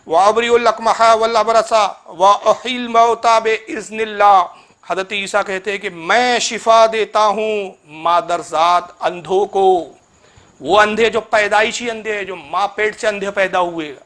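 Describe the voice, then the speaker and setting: A man's voice: high-pitched, bright, forceful tone. A man giving a polemical religious lecture, reproachfully addressing his opponent and chanting Arabic verses. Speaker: Islamic cleric.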